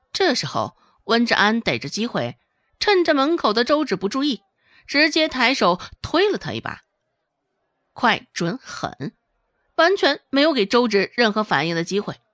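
Lively woman narrating an audiobook. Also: mid-range voice, no room sound, clean studio sound. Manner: expressive, lively storytelling. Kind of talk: serialized novel narration.

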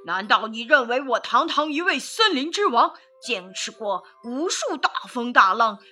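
A woman voicing a proud, boastful male lion king in a children's storybook, loud and grandly self-satisfied. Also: a little high, very animated, takes it slowly, soft background music, heavily acted. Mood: furious. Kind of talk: storybook narration.

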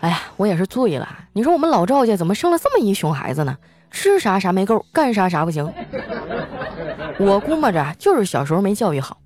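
A woman's voice: mid-range voice, very animated, fast talker, a little mellow, a faint crowd. A young woman hosting a show, telling funny anecdotes in a playful, giggly way. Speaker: podcast host. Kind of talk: comic storytelling.

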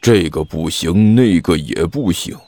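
A man's voice: low-pitched, animated, a little slow, mellow, no room sound, voice pushed down, full character voice. A man voicing a lazy, sly old male immortal who drawls evasively and plays innocent in an audiobook. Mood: drawling, coy.

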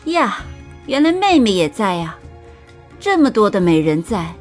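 A woman's voice: medium pitch, very animated, moderate pace, a little mellow, soft background music, voice pushed up. A woman voicing a scheming, pregnant young imperial noble consort who speaks with sweet, condescending politeness in an audiobook. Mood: mocking. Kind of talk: audiobook character voice.

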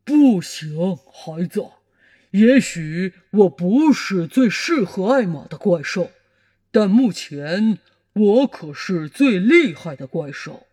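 A woman's voice: mid-range voice, sing-song, slow, dark tone, slightly rough, voice pushed down, exaggerated voice. A woman voicing a big, bossy, growling male monster who lives under a child's bed, in a storybook reading. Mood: gruff.

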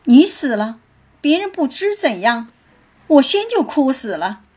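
A woman's voice: high-pitched, very animated, unhurried, darkish tone, pitched above the performer's own voice. A woman doing a teasing young noblewoman. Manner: playful, teasing.

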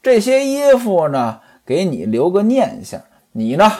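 A man's voice: high-pitched, wildly swooping pitch, unhurried, a little mellow, pitched above the performer's own voice, full character voice. A man voicing a dying young wife, raised and pleading. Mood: tender, resigned. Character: dying gentle young wife, kind to her servants.

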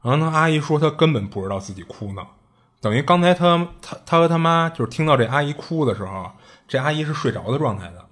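A man with a husky, slightly breathy voice tells a spooky anecdote in a relaxed, conversational way. He talks in a chatty, colloquial manner, doubling back on his words as he goes. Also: a little high, quick pace. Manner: chatty, colloquial, with frequent restarts and asides. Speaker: storyteller. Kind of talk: casual retelling of strange tales.

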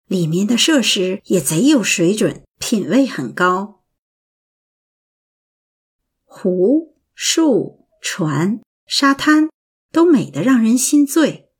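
Slow, husky woman reading prose. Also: mid-range voice. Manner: slow, lilting, expressive reading. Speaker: narrator reading an essay. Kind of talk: scripted prose narration.

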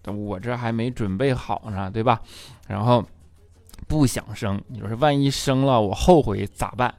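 A man's voice: very high voice, sing-song, fast, dry recording, voice pushed up. A man playing a sulky young guy. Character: reluctant young man, weary and defiant.

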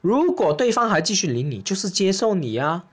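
A man's voice: sits high, fairly quick, slightly rough. A man hosting and performing an open-mic stand-up monologue, ranting in an exaggerated way and acting out little scenes. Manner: animated, exaggerated, rants and acts out scenes. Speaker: stand-up comedian and host.

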